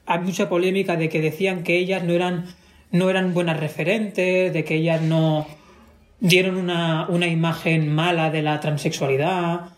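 A man's voice: on the high side, level tone, normal speed. A man with a Spanish accent talking in a casual conversation, emphatic and given to repeating himself for stress. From Spain.

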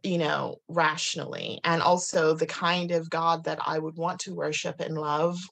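A woman guest telling a personal story in casual conversation, animated, full of "like" and restarts, acting out what people said. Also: low-pitched, moderate pace, vocal fry. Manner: animated, many "like"s and restarts, acts out quotes.

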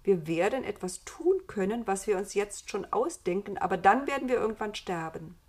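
A woman's voice: mid-range voice, animated, normal speed, a little mellow, close to an everyday voice. A woman voicing Eva, a curious, inventive young woman, in a storybook reading, eager and thoughtful. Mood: earnest.

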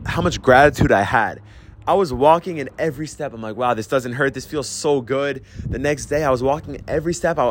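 A man's voice: mid-range voice, a little hiss or hum. A young man talking earnestly about handling emotions, telling personal stories with frequent restarts. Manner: earnest, storytelling, with restarts and "I'm like". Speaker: host sharing personal advice. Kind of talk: reflective personal talk.

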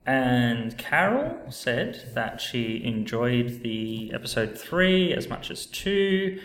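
A man's voice: mid-range voice, big pitch swings, slow, fairly bright tone. A man co-hosting a podcast in casual chat from an echoey room, with a hesitant, rambling way of talking. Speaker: podcast co-host. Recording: echoey room with background noise.

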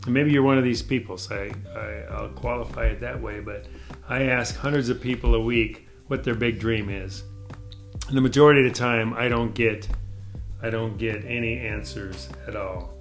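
An enthusiastic male host speaks straight to his audience in an encouraging, motivational way. His voice sits at an ordinary middle pitch. Faint music plays in the background. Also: steady tone, normal speed, vocal fry. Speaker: podcast host. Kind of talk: motivational interview intro.

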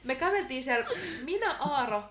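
High-voiced young woman, excited storyteller. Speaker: podcast co-host. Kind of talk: casual chat. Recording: roomy with loud crowd noise.

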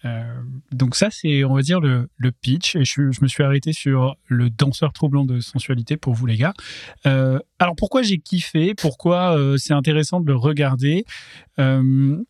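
A man's voice: mid-range voice, moderate pace, no echo, clean studio sound. A man co-hosting a casual podcast, talking loosely with many fillers. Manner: relaxed, many fillers, chatty. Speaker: podcast co-host. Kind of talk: casual chat.

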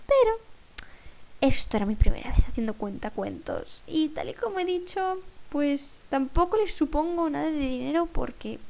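A woman's voice: high voice, lively intonation, normal speed, gravelly, a little mellow. A young woman hosting her own podcast, chatting and ranting in an exasperated way. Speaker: podcast host. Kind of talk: casual monologue.

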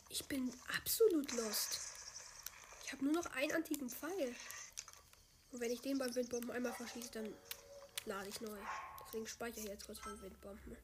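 A woman's voice: a little high, steady tone, brisk, noisy background. Chatty woman commenting on gameplay. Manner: chatty, swings between loud outbursts and quiet mutters. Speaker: gamer.

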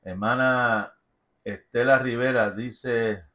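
A pastor leading an intercessory prayer, a man whose voice comes through bright and forceful. He prays with fervor and keeps repeating short phrases of praise between his lines. Now and then he reads out prayer requests. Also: medium pitch, steady tone, takes it slowly. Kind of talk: fervent prayer broadcast.

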